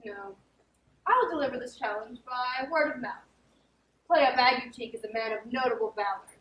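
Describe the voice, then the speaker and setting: An actress playing a scheming, boisterous noble lady in a live stage play, brisk, commanding and mocking. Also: a little high, a bit bright, lo-fi sound, a little hiss or hum, lightly acted. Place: theatre stage. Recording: echoey stage from far off, faint ambience.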